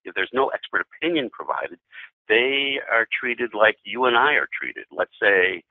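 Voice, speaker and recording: A man's voice: fairly low pitch, sing-song, normal speed, dry recording. A middle-aged man, a defense attorney, teaching a legal training webinar with dry sarcastic asides and frequent ums and restarts. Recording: narrow phone-like audio, dry.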